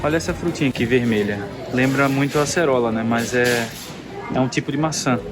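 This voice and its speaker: A man chatting casually to camera outdoors in a village, easygoing and pointing things out, over loud music. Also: medium pitch, a little fast. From Recife, Brazil. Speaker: travel vlogger. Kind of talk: casual on-location vlog chat. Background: loud music and outdoor sounds.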